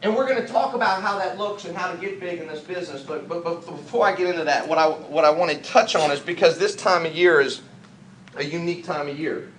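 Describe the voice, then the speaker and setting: A man from the United States giving an energetic motivational business training talk, full of rhetorical questions and jokey asides. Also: a little high, quick pace. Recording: echoey room, faint background noise.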